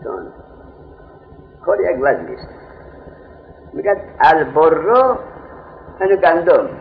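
A man's voice: fairly high pitch, big pitch swings, soft background music. A man teaching a grammar class, explaining with everyday market examples and answering his own questions. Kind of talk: classroom lecture on Arabic grammar. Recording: tinny phone-like lo-fi recording, faint hiss.

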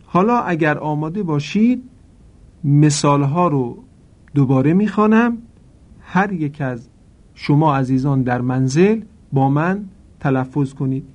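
A man teaching correct pronunciation for Quran recitation, addressing listeners formally and drawing out example words slowly and carefully. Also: on the high side, expressive, dull audio. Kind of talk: instructional lesson.

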